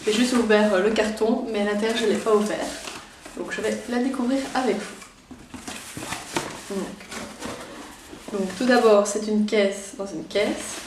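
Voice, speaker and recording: A woman's voice: medium pitch, unhurried, long pauses, background noise. Young Belgian woman vlogger, Belgian French accent, eager and rambling, distant mic, roomy echo. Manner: chatty and excitable, many fillers. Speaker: YouTuber. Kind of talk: casual unboxing vlog. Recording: echoey room, voice somewhat off-mic.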